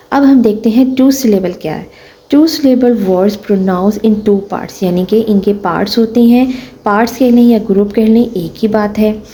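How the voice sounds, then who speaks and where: Slow, gravelly woman teaching a lesson. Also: mid-range voice, warm tone, slight background noise, poor audio. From Pakistan. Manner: explains in Hindi-Urdu, reads English sentences slowly. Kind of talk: textbook lesson walkthrough.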